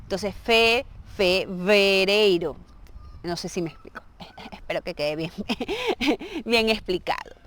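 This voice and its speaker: A woman's voice: on the low side, sing-song, a little slow, a bit bright. A woman whose first language is Spanish, giving a casual video lesson and patiently explaining pronunciation, checking understanding with frequent "ok?". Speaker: language teacher.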